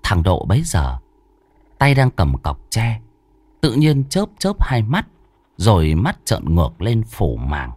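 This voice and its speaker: Male horror narrator, dramatic, wildly swinging pitch, dry close sound. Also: wildly swooping pitch, takes it slowly, darkish tone, breathy edge, dry recording. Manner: dramatic, vivid storytelling. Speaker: storyteller.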